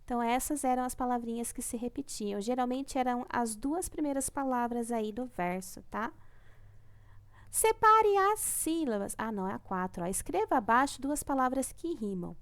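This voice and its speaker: A woman's voice: a little high, expressive, moderate pace. A young woman teacher with a Brazilian Portuguese accent, patiently going over homework in a recorded class and often checking in with "tá?". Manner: patient, ends phrases with "tá?", syllables drawn out. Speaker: primary school teacher.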